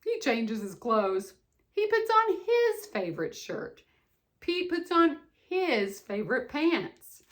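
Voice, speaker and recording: An older woman reads aloud in the manner of a sweet, folksy grandma. Her voice sits a little high and moves in very lively swings. She keeps slipping into chatty, affectionate asides to her young listeners, full of expressive exclamations. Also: slow pace. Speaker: grandmother reading a picture book to children.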